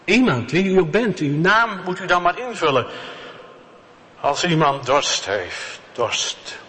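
A man preaching a sermon in a church, slow and emphatic, repeating key words. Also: high voice, expressive, sharp tone. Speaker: pastor. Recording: long church reverb.

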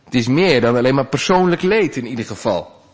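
A man preaching a sermon, earnest, rising to loud pleas and dropping to quiet asides. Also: medium pitch, lively intonation, brisk. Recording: long church reverb.

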